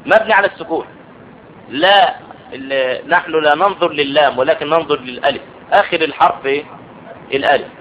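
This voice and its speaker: High-voiced teacher, lo-fi recording. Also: male voice. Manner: explains step by step, often checks that students follow. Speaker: Arabic grammar teacher. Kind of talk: classroom lesson. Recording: dull lo-fi audio with faint noise.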